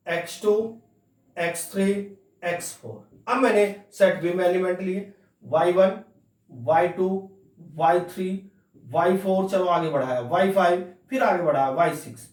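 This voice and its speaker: A man teaching a math lesson, repeating each point slowly and telling students to listen closely. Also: high voice, echoey room, recorded from a distance. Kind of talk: classroom lecture.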